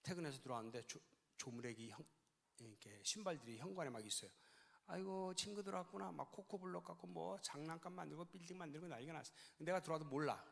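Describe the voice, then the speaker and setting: A man's voice: fairly high pitch, quick pace, vocal fry, fairly bright tone. An older man giving a sermon-style lecture, telling stories with animation and acting out the dialogues. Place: large church hall. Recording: long church-hall reverb.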